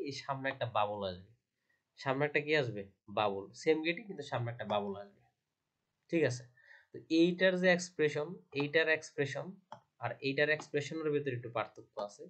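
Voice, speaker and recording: A man's voice: medium pitch, fairly bright tone. A man teaching from slides, asking himself questions and repeating each point. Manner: repetitive, asks and answers own questions. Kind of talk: slide lecture.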